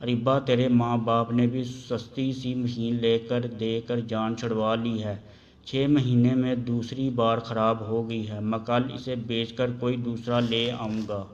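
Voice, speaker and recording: Man reading blunt young husband, storybook, level flat delivery, muffled lo-fi sound. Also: medium pitch, a little hiss or hum, lightly acted. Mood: stern.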